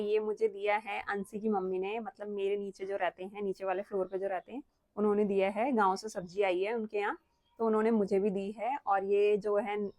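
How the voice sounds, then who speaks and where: A young woman from Uttarakhand, India, vlogs at home, talking to camera in a chatty, earnest way and pressing her points with rhetorical questions. Her voice is medium-pitched with a darkish tone and no room sound.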